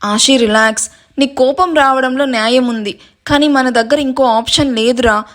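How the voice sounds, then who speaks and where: A woman storyteller voicing a calm elder brother who reasons gently. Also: high-pitched, moderate pace, close to an everyday voice.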